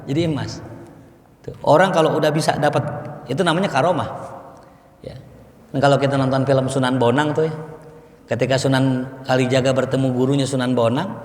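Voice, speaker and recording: Higher-voiced male preacher in echoey hall. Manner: conversational, asks the audience questions, storytelling. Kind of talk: mosque study sermon. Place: mosque.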